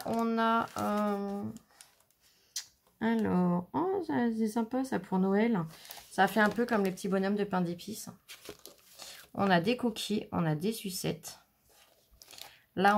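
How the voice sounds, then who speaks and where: A woman's voice: medium pitch, vocal fry, a little hiss or hum. A woman chatting casually through a scrapbooking stamp haul, showing items one by one with frequent fillers. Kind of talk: casual haul video commentary.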